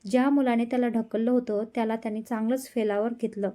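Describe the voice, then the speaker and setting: A woman narrating an emotional love story in a steady, scripted storytelling manner. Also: a little high, fast talker.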